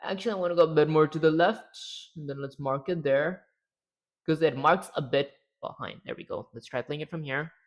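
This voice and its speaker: Over lo-fi audio, a livestreaming game developer with a somewhat high voice works and chats to himself at a brisk clip. He stays relaxed, though his throat is strained and he's lightheaded.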